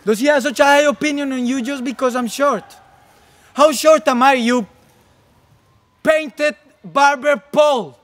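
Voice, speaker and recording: A woman's voice: sits high, moderate pace, few pauses, natural voice. An actress playing Hermia, a short, fiery young woman who turns from bewildered to fiercely accusing. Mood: indignant. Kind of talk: outdoor stage acting.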